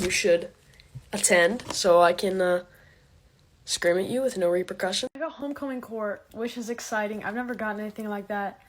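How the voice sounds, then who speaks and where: A young American woman telling personal stories as a casual comedic rant, exaggerated and animated, acting out what people said. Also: medium pitch, slight background noise. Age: teens to young adult. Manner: animated, exaggerated, acts out quotes. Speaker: social media creator telling personal rants.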